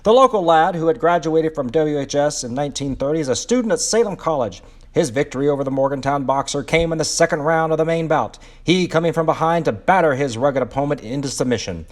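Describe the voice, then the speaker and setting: Man doing a 1930s sports commentator, excited, high, loud, punchy newsreel delivery. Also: lightly acted. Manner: brassy, rapid newsreel announcer delivery.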